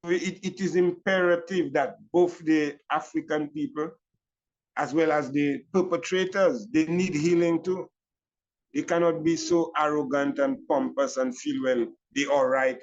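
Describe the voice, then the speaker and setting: An older Caribbean man speaks in the reasoning manner of a Rastafari elder. His voice sits at a medium-high male pitch for ordinary talk, and he builds his thoughts through repeated phrases. The recording is slightly dull and lo-fi. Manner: Rastafari elder's reasoning speech, deliberate phrasing with repetitions and "you know".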